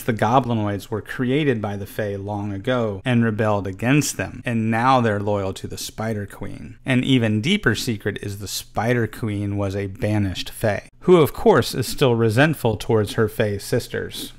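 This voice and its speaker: A middle-aged man hosting his own channel, giving an earnest, scripted explanation of how to prepare a tabletop game campaign. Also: on the low side. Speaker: channel host. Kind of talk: scripted tutorial narration.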